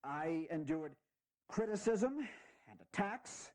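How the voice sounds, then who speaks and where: Old general speechifying to his men, dignified and earnest, highish voice, lots of rise and fall, audio drama. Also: animated, darkish tone. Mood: earnest, heartfelt. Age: older. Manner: deliberate, halting, stirring. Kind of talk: historical audio drama oratory.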